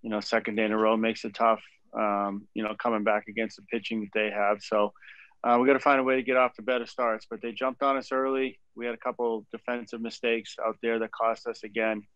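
Man, 40s, coach, postgame press answers, low monotone voice, dull dry video call sound. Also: clear, resonant tone, dry recording. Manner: measured, full of fillers and restarts. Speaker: head baseball coach. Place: small indoor room.

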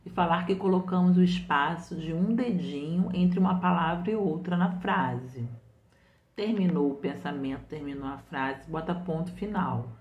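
A woman's voice: fairly low pitch, normal speed. A woman from Brazil, a literacy teacher, explains patiently and step by step, often repeating her points. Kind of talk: didactic explanation. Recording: roomy, muffled home recording.

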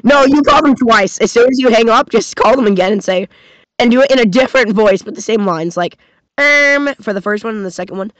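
A man's voice: sits high, quick pace, dry recording. A young man in a joking casual chat on a voice call, giggling and egging his friend on. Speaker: co-host on a call. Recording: dry dull lo-fi voice call.

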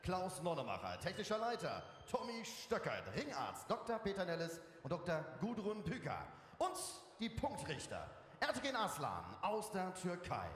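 A middle-aged man working as a boxing ring announcer, calling out fighters with theatrical, drawn-out shouted names. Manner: theatrical, booming showman delivery. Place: boxing ring in a large crowded arena. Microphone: handheld microphone. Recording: echoey arena PA with long reverb, music.

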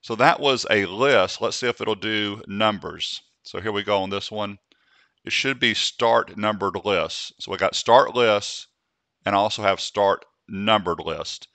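A man hosting a screen-recorded software tutorial, speaking slowly and deliberately so he can demonstrate dictation commands. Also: lowish voice, no room sound.

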